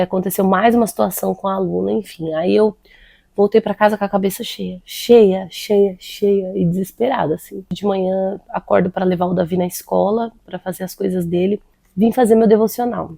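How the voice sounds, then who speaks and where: Gravelly-voiced woman telling a faith story. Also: mid-range voice, mellow, no echo. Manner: earnest, reflective, with acted quotes of prayer and dialogue. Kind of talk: personal testimony, casual storytelling.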